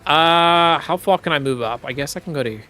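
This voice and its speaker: A man from Zimbabwe streams a game and keeps up casual, chatty commentary for his viewers, laughing frequently. His voice is on the high side, brisk, pushed and bright. Faint music plays in the background.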